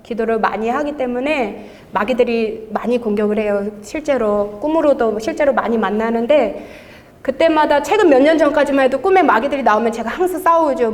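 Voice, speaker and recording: A woman with a fairly high voice tells her testimony at a church service, in a lively storytelling way with frequent laughter. Her voice rings with the long reverb of a large church hall. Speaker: intercessory prayer leader giving testimony. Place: church sanctuary.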